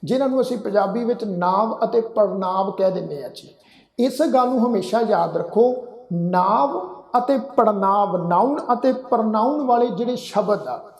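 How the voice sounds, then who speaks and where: A man teaching correct pronunciation of scripture in an earnest, religious-lesson manner, speaking to his listeners as a congregation and reciting verses slowly. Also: high-pitched, vocal fry, darkish tone. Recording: echoey hall reverb.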